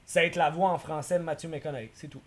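A man's voice: on the high side, fast talker. Rambling Québécois guy telling stories. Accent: Québécois French. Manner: rambling, animated storyteller mixing in English slang. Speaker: podcast guest. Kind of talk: casual podcast chat.

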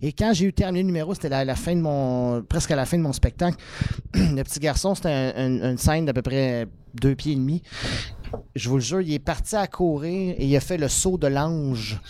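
A man with a Quebec French accent shares a stage anecdote in casual conversation. He is a magician and pauses with fillers as he searches for words. His voice sits a little higher than most men's. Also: warm tone. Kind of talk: casual chat.

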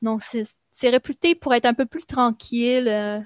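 Chatty woman, slightly high voice. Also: moderate pace, no room sound, studio quality. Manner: chatty and explanatory, with many fillers. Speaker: guest recounting life in Brazil. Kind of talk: casual conversation.

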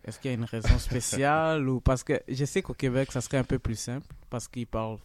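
A man's voice: medium pitch, a little fast, dry recording. A man asks interview questions in a loose, casual way. He often hesitates and fills gaps with small words. The recording is dry and close.

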